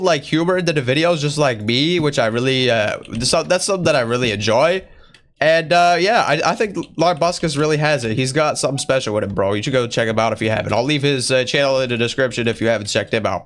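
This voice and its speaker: A man with a medium-pitched voice talks briskly as a YouTuber answering viewer questions. He's doing an in-character Q&A vlog, putting on a strained voice that imitates another creator, and his slangy bro-talk rambles casually. All that straining has left his voice sore.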